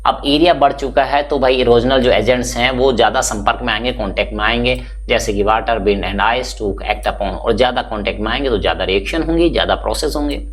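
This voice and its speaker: Man explaining a textbook chapter. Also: mid-range voice. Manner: reads English lines slowly, then explains quickly in Hindi; chatty teaching with frequent "bhai" and check-ins. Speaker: teacher. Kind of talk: Hindi-English exam-answer explanation.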